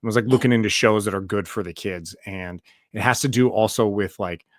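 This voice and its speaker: A young man co-hosting a podcast, explaining things in an animated, chatty way and laughing as he talks. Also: lowish voice, brisk, dry recording, clean studio sound. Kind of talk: casual podcast chat.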